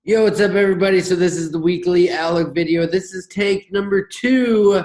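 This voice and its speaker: A man hosting a trading channel, talking fast and loosely through a screen-share market rundown, with hiccups and gasps between phrases. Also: sits high, darkish tone, rough recording. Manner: fast, rambling, with fillers and restarts. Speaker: forex trading channel host.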